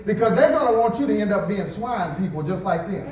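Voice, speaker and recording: A man's voice: high voice, expressive, a little fast, highs cut off, a crowd in the background. A man preaching a sermon as pastor, conversational, acting out quotes and chuckling as he goes. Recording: echoey church hall from a distant mic.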